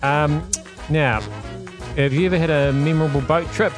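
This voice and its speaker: A man's voice: fairly high pitch, steady tone, moderate pace, music in the background. A man linking comic radio segments with dry, wry jokes. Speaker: radio co-host.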